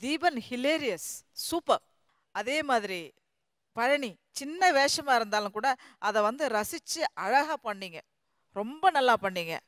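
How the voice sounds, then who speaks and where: A woman's voice: sits high, expressive, unhurried, dry recording, clean studio sound. A woman judging a TV comedy show, praising each performer in turn. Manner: warm praise, listing performers. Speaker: judge. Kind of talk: judge's comments on a TV show.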